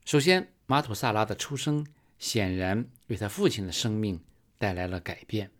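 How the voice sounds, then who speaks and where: Slow, low-voiced male preacher. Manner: slow, measured storytelling with emphatic rises. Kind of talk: sermon.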